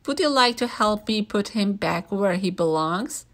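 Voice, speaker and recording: A woman's voice: mid-range voice, animated, unhurried, fairly bright tone. A woman voicing a kindly, encouraging female zookeeper in a children's storybook.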